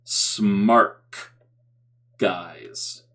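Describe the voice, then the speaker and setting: A man streaming a reaction to a video, rambling casually with many halting fillers. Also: lowish voice, fairly even intonation, a bit bright.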